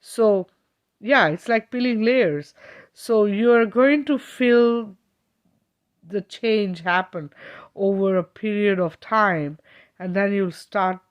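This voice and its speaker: A woman's voice: medium pitch, takes it slowly, muffled recording. A woman from Kenya, a spiritual healer hosting a live stream, chatting casually and reassuringly with viewers and often checking in with "okay?".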